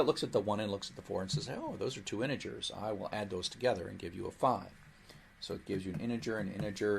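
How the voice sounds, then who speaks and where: A man with a low voice and a gravelly edge delivers a programming lecture. He explains patiently and breaks into playful asides where he speaks for the computer. A faint hiss of background noise runs under the recording. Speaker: programming instructor.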